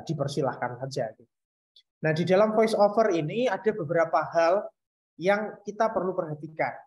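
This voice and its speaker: A man teaching a digital video workshop, explaining step by step in a relaxed lecture style with frequent filler pauses. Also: high voice, rough recording.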